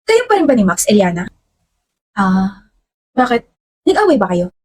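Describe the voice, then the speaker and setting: A woman's voice: mid-range voice, sing-song, moderate pace, husky. A woman acting several roles in a short drama, with emotional, switching delivery. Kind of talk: acted Filipino short drama, multiple roles.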